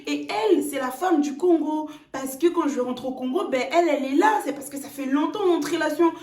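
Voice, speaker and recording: A woman's voice: sits high, brisk, a little mellow, close to an everyday voice. A woman voicing a young man who brushes off his lies, dismissive and self-justifying. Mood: pleading. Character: young man, smug two-timing fiancé. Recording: roomy echo.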